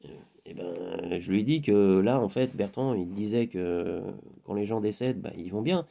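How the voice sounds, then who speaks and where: A man improvising a casual monologue, animated and laughing often as he acts out conversations. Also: lowish voice, normal speed, gravelly, dull audio. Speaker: spiritual vlogger.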